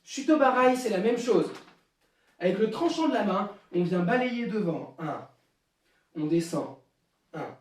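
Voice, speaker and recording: A man teaching a live online karate class, explaining moves and counting them out with sharp shouted cues. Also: sits high, lively intonation, unhurried, pauses often, far from the mic. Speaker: karate instructor. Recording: echoey room, voice away from mic.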